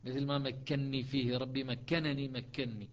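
A man teaching a lesson on Quranic readings, explaining step by step and slowing into chanted recitation. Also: medium pitch, level tone, muffled recording.

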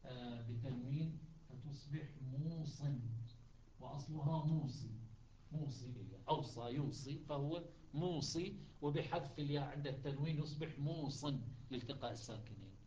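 A man's voice: on the high side, fairly quick, dark tone, muffled recording, a little hiss or hum. A man teaching a classroom lesson on Quran recitations, explaining step by step, repeating words and checking that his students follow.

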